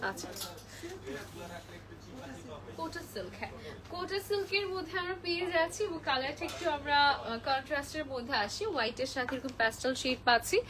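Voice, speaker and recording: A young woman selling clothes live, her coming through as she talks in a quick, high voice. She sounds a little unwell, yet stays chatty and drops in English phrases. The clear chatter of a busy shop crowd runs behind her. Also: expressive. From Bangladesh. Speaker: live-stream clothing seller. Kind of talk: live shopping sales pitch.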